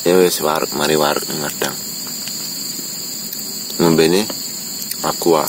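Low Javanese man talking with mouth full. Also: slow pace. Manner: relaxed and chatty, mixing in Javanese. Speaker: vlogger. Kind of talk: casual eating vlog. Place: outdoors in a plantation field. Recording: clear nature noise around. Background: crickets and insects.

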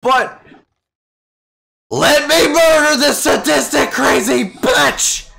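A man voicing a foul-mouthed, violent young male killer from a horror game, brash and shouting. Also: on the high side, sing-song, unhurried, creaky, pitched above the performer's own voice, exaggerated voice. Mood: angry. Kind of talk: reading game dialogue aloud on stream.

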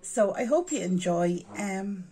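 Cooking at home, this Irish-accented vlogger in her forties walks through every step in a relaxed cook-along chat, filmed by a camera on the worktop. She speaks unhurriedly at medium pitch, warm in tone with lively intonation, though the audio is poor.

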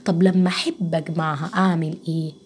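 A woman teacher with an Egyptian Arabic accent explains French grammar to young pupils. She is patient, says words slowly and often checks that they follow. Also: deep voice, flat delivery, a little mellow, slight background noise.

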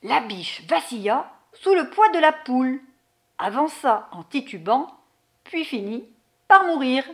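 Field: expressive children's storyteller. Woman, high lively voice. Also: unhurried. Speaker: librarian reading a children's book. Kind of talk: read-aloud storytelling for children.

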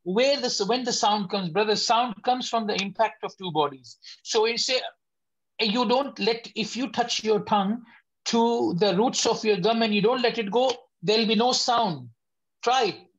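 Over slightly dull, lo-fi audio from an online call, a high-pitched male Tajweed teacher leads a beginners' class. He's patient, says each sound slowly more than once, and corrects his students gently.

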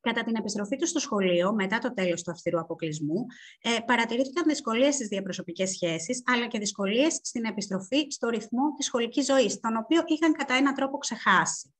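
A woman presenting research findings at an online seminar, speaking in a measured way with frequent hesitations. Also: on the high side, animated.

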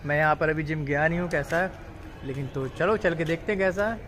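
Talking fast in a fairly high, fairly bright voice, a vlogger in his twenties holds his phone at arm's length and addresses viewers like friends. He wanders the apartment complex gym and game room, inside and outside, on a noisy phone recording.

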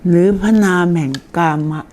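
An older woman giving a chatty, informal lesson on deity names, explaining slowly and reading names aloud. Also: fairly low pitch, a little mellow, slight background noise.

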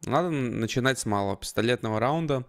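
A man co-commentates a live esports match without a script, sounding conversational and analytical. His mid-range voice moves fast with lively intonation, while faint game gunfire and clicks sound in the background.

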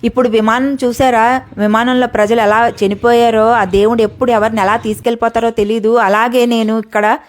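Heartfelt woman vlogger, slightly high voice. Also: level tone, brisk. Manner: tearful, heartfelt, talks to viewers directly. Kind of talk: emotional personal vlog.

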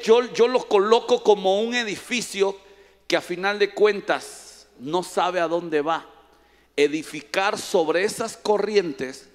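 Man preaching, high voice, teasing congregation, echoing hall. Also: fairly bright tone. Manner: playful, teasing, calls on audience by name. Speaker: pastor. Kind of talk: interactive sermon with congregation. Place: large church hall. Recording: long echo of a church hall.

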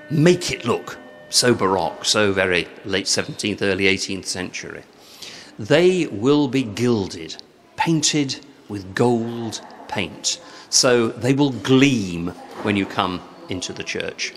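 Older english guy with a handheld mic in a big church, slow and sing-song, faint music behind. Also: on the low side, lively intonation. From England. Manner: warm, enthusiastic and descriptive, with lilting emphasis. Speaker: church organ guide. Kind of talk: guided tour talk. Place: large church interior with organ. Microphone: handheld microphone.

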